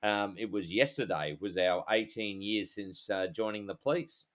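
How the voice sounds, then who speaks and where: A middle-aged man with an Australian accent and a fairly low voice. He co-hosts a podcast in casual chat, speaking in an informal, blokey way full of matey slang. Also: moderate pace. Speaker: podcast co-host.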